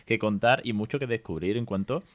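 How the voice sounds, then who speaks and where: A man hosting a podcast interview, eager and quick, often repeating words as he goes. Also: on the low side, highs cut off. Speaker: podcast host. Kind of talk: casual interview chat.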